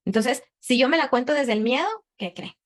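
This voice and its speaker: A woman's voice: high voice, a little fast. A woman leading a group conversation, asking many rhetorical questions and acting out voices as she speaks. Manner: expressive, animated delivery. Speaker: conversation facilitator. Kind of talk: motivational talk to a group.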